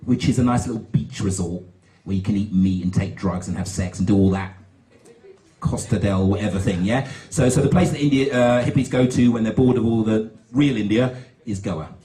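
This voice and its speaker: A man's voice: fairly low pitch, normal speed, mellow. A man performing stand-up patter as a spoken-word poet, talking in an informal, rambling way. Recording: roomy echo, music behind.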